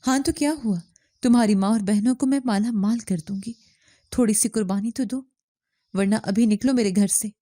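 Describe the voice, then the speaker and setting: A woman's voice: on the high side, mellow, no echo, studio quality, lightly acted. A woman doing a scheming rich villainess. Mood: scornful. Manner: threatening, coaxing. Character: scheming wealthy woman, threatening and cunning.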